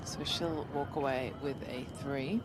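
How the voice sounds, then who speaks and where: Woman calling golf over loud outdoor noise. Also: very deep voice, steady tone, measured pace. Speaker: lead golf play-by-play commentator. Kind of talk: live golf commentary. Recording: loud outdoor broadcast ambience. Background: loud outdoor golf course ambience.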